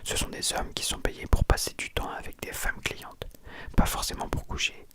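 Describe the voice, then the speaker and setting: A person speaking in a hushed, breathy library whisper, telling and reviewing a book informally for ASMR. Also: moderate pace. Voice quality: soft, breathy unvoiced whisper. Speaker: ASMR content creator.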